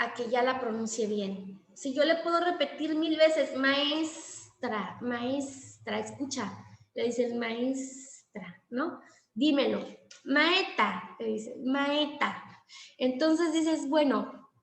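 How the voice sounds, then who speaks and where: High-voiced woman lecturing slowly. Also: roomy sound. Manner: explanatory, acts out child and teacher exchanges. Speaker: teacher trainer. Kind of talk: lecture on language therapy.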